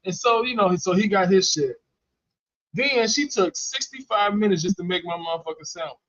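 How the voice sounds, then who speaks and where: High-voiced man telling profane stories. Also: lively intonation, normal speed, fairly bright tone, no room sound. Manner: blunt, heated, swears constantly, acts out quotes. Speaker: co-host. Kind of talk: profane comedic storytelling. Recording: dull lo-fi stream audio, dry.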